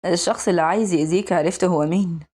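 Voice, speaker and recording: A woman's voice: on the low side, very fast, a little mellow, lightly acted. A woman voicing a cold, protective adult male mafia boss in Egyptian Arabic, curt and firm.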